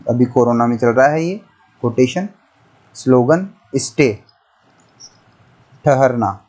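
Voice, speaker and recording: Speaking slowly at medium pitch with a darkish tone, a man walks through an English grammar lesson on pronunciation, classroom style. He goes methodically and repetitively, spelling words letter by letter.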